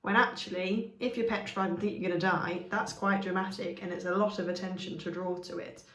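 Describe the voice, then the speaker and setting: A woman's voice: fairly low pitch, fairly even intonation, a little fast, a bit bright. A woman teaching a grammar lesson, explaining patiently and often checking in with "okay?". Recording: echoey room.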